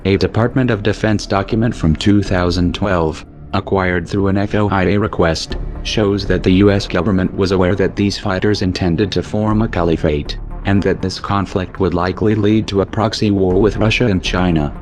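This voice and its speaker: A man speaks through a voice disguised to sound deep, sitting low in pitch. His scripted narration is grim and declamatory, with a sardonic edge. Faint music plays underneath. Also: fairly even intonation, normal speed, few pauses, a little mellow. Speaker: anonymous narrator.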